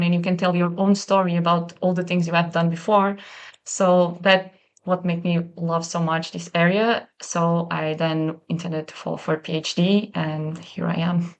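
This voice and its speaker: Young portuguese-accented woman, lowish smooth voice, lots of ums, chatty. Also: little pitch movement. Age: young adult. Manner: thoughtful, with many pauses and fillers. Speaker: guest, PhD researcher. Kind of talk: casual conversation.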